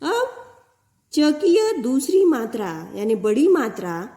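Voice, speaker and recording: A woman teaching Hindi to primary school children in a recorded lesson, reading words out slowly and carefully, sounding out syllables one by one. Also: sits high, sing-song, warm tone. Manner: slow, careful word-by-word reading, stretching out syllables. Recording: echoey room.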